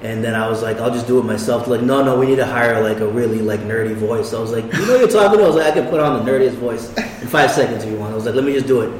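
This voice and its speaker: A man chatting as a guest on a podcast, telling stories with quick laughs. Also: mid-range voice, distant mic. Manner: animated storyteller, quick laughs. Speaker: guest musician and voice actor. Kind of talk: casual podcast chat. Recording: roomy echo, faint room hum.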